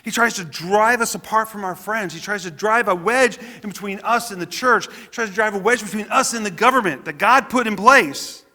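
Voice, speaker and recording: Earnest high-voiced man preaching in a hall. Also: moderate pace, hardly any pauses, bright, forceful tone. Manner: earnest, conversational preaching with frequent restarts. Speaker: pastor. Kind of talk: sermon. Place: church sanctuary.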